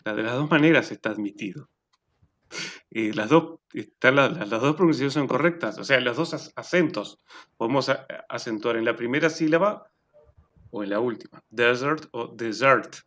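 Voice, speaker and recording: A man with a mid-range voice makes a casual comment on a panel. He sounds hesitant and fills his pauses with "eh". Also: mid-range voice, fairly bright tone. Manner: hesitant, with many "eh" fillers and laughs.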